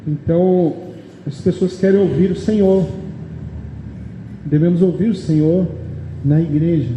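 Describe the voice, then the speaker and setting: A man's voice: a little high, fairly even intonation, measured pace, dark tone. A man with a Brazilian Portuguese accent preaching a sermon in a church meeting, reading verses aloud and explaining them, often asking the congregation "amém?". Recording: echoey hall, long reverb, faint background noise.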